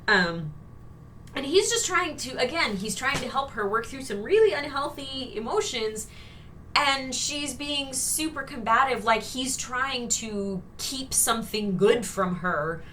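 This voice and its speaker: Chatty snarky woman, kinda high bright voice, um like a lot, mic a bit far. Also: lively intonation, measured pace, a little hiss or hum. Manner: chatty, sarcastic, many fillers. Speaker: co-host reviewing a TV episode. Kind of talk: casual critical chat.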